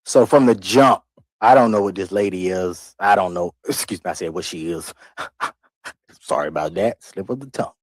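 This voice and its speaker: Guy on a live stream rambling about a clip, lowish voice, dry close mic, keeps repeating himself. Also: moderate pace, dry recording. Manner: rambling, repeats himself, laughs between remarks. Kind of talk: casual reaction commentary. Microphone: desk microphone.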